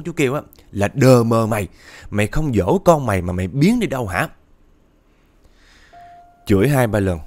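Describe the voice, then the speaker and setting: A man with a Southern Vietnamese accent narrating a ghost story, talking directly to his listeners in an animated way. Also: mid-range voice. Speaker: podcast storyteller.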